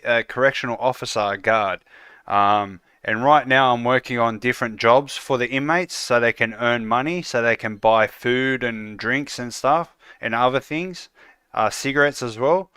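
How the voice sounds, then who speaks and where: Australian man, game dev streamer, bright clear voice, dry close sound, laid-back chat with fillers. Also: medium pitch, moderate pace, no echo. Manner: relaxed, lots of "uh" fillers, calls viewers "mate". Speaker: game developer livestreamer. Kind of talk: casual livestream chat while coding.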